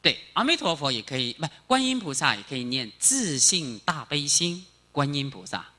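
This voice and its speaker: Lively, bright-voiced male Buddhist lecturer. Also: fairly high pitch. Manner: animated, chanting phrases slowly, quizzing the audience. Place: lecture hall.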